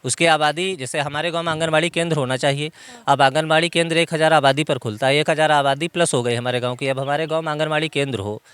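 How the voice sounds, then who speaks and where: A man with a somewhat high voice, standing outdoors in his village, answers a reporter's questions. He sets out facts and figures steadily and in detail. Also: fairly even intonation, quick pace, hardly any pauses, a bit bright, clean tone. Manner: informed, explains in detail. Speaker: villager interviewee. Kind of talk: outdoor interview.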